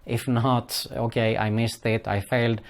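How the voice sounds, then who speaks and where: A middle-aged man from Sweden, whose first language is Swedish, gives earnest advice to camera in English, his third language, as an online business vlogger. His voice sits at an ordinary middle pitch with a level tone and an unhurried pace. Casual in manner, he pauses often on "uh" and keeps returning to "for example" and "keep that in mind."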